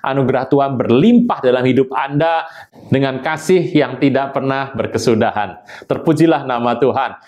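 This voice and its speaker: A man's voice: mid-range voice, moderate pace, a little mellow, dull audio. Emphatic man preaching. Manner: emphatic, repeatedly addresses the audience directly. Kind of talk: online sermon teaching.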